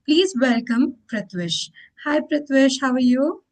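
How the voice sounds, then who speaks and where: Woman host, somewhat high voice, encouraging tone, reads set interview questions. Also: expressive, measured pace, low-quality recording. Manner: encouraging, repeats warm praise between questions.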